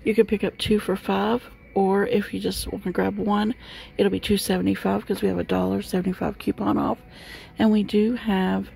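A middle-aged woman vlogs as she films a walk through a big discount store on a handheld phone camera, chatting loosely with many fillers. Her voice is medium-pitched and warm with vocal fry, though the audio is poor.

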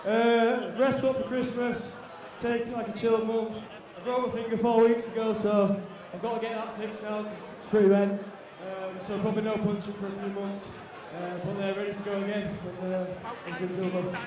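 A man's voice: high voice, little pitch movement, moderate pace. A young man, an MMA fighter giving a casual post-fight interview. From Yorkshire, England. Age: young adult. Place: large indoor cage-fight venue. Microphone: handheld. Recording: echoey hall PA, distant, noisy crowd.

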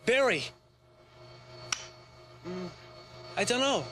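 A young man playing a timid, dog-like young man who speaks haltingly and eagerly. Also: high voice, expressive, over music, full character voice. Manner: halting, hesitant, eager to please.

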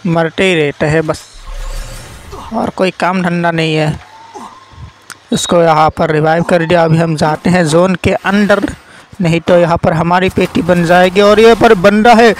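A man giving casual, excitable gameplay commentary, swearing and yelling at his teammates as he plays. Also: high voice, slight background noise, rough recording. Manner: excitable, swears and yells at teammates mid-game. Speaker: gaming commentator.

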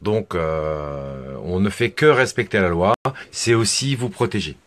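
A man's voice: low voice, unhurried, slight background noise. A man hosting a casual interview and walkthrough at a camper van show stand, chatty and reassuring, speaking straight to viewers. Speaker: show host.

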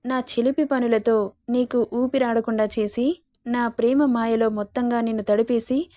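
A woman's voice: fairly high pitch, steady tone, moderate pace, warm tone, no echo, studio quality, lightly acted. A woman reading a teasing young lover. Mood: coaxing. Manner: coaxing, playful.

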